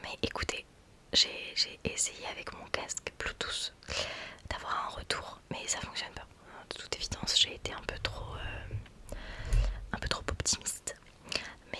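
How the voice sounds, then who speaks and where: A woman whispering casual ASMR chat very close to the mic, right in the listener's ear, in an informal, excitable, self-deprecating way. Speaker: ASMR content creator. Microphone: close budget USB microphone with pop filter.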